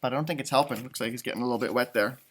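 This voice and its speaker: Racing along in a mid-range voice, a man reads a children's story and adds lively, chatty improvised comments on the pictures as he goes. There's slight background noise.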